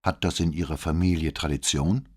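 A calm, probing police commissioner, read by a man who asks measured questions. The voice sits very low with a husky grain. It belongs to an audiobook interrogation scene.

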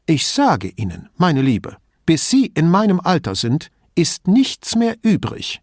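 A man voicing a frail, chatty old widow who rambles and confides in a hushed tone. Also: huge pitch swings, measured pace, dry recording, clean studio sound, full character voice. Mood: confiding. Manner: rambling, confidential, lowers voice to a whisper.

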